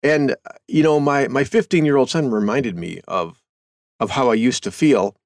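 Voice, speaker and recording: A man's voice: mid-range voice, moderate pace, dry recording, studio quality. A middle-aged man hosting a show, reading a news article aloud and commenting on it in a folksy, conversational way. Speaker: host.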